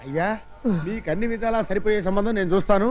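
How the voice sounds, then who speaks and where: An actor playing a reluctant priest who wails and laments dramatically. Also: male voice, sits high, fast talker, highs cut off, lightly acted. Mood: exasperated. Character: reluctant young priest, excitable, loudly wailing. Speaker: priest asked to perform a wedding.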